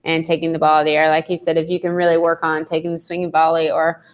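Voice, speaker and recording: A woman's voice: sits low, completely flat delivery, quick pace. Woman tennis coach explaining strategy. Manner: explanatory, many fillers like um and like. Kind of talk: live coaching panel chat.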